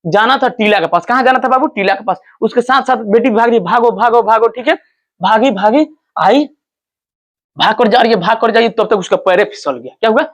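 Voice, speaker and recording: Man, high-pitched voice, story lesson, animated, quizzes listeners, acts out lines. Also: brisk, lo-fi sound. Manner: animated, keeps checking understanding with repeated questions; acts out characters' cries in quoted lines. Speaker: teacher.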